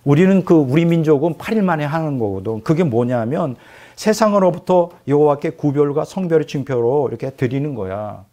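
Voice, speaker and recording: A man's voice: on the high side, normal speed. A male pastor preaching a storytelling sermon who keeps putting questions to his congregation. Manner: animated, addresses the congregation with questions.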